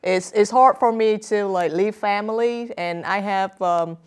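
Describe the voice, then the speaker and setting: Smooth-voiced Vietnamese woman, hesitant. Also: medium pitch, measured pace. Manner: hesitant, many fillers, simple English grammar. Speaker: author guest. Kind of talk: interview answers.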